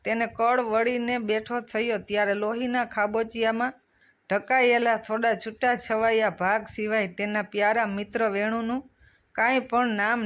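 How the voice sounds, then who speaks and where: A storyteller giving a steady, measured reading of a scripted short story. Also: medium pitch.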